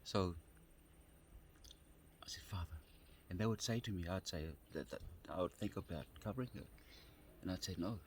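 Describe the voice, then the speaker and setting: A man sitting outdoors on the grass, telling a personal story in a halting way, often repeating and restarting phrases. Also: low voice, slight background noise. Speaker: vlogger.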